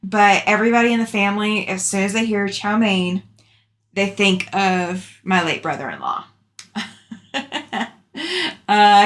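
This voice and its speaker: Casting: woman, mid-pitched voice, affectionate and chatty, informal livestream host replying to comments. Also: fairly bright tone. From Alabama, southern US. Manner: chatty, affectionate with viewers, laughs often. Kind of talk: casual chat, reading out and answering live comments.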